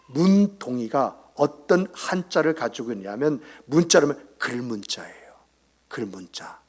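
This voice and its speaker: Husky-voiced male pastor preaching. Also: mid-range voice. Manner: conversational, quizzes the congregation, drops into whispered asides. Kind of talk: Sunday sermon. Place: church sanctuary.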